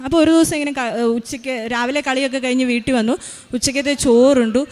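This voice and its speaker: A woman's voice: sits high, steady tone, quick pace, darkish tone. A woman in her thirties giving a spoken faith testimony as a mother, retelling events earnestly with many hesitations.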